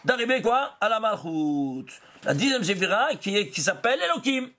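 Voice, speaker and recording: A rabbi with a very high voice for a man teaches a class on letters and numbers. He keeps asking "alors?" and "vous voyez?", then answers himself. His pace and pitch swing often, from slow, stressed words to quick bursts. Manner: animated, asks rhetorical questions and answers them himself; pitch and pace jump around a lot, now slow and stressed, now rushed. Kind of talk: Kabbalah lesson explaining diagrams and letter numbers.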